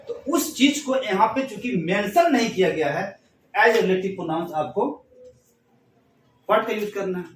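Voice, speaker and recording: A man with a high voice teaches grammar in a classroom style. He reads each English example slowly and then explains it again. The sound is roomy and echoey, and he stands a bit away from the mic. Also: fairly bright tone, recorded from a distance, slight background noise.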